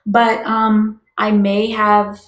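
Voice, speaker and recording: Boutique co-host, woman, relaxed unhurried chat with ums, recorded in a reverberant room. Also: mid-range voice. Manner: chatty, with frequent ums and small laughs. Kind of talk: casual live-stream product chat.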